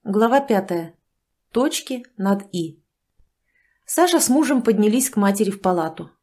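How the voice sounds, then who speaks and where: A woman reads an audiobook in an even, measured way. Her voice sits at a medium pitch. The narration is calm and steady. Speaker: audiobook reader. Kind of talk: scripted narration.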